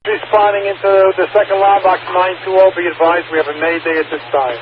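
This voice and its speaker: A man's voice: high-pitched, level tone, quick pace. A man working as a fire dispatcher, reading out times and codes procedurally over two-way radio. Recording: tinny, noisy fire dispatch radio channel.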